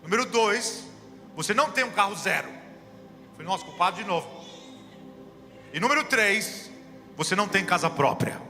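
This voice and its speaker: A man's voice: high voice, animated, moderate pace, long pauses, pushed and bright, in a large hall, soft background music. A middle-aged Brazilian man preaching a sermon in church, telling stories with acted quotes and building to fervent calls. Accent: Brazilian Portuguese. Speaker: pastor. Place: church hall.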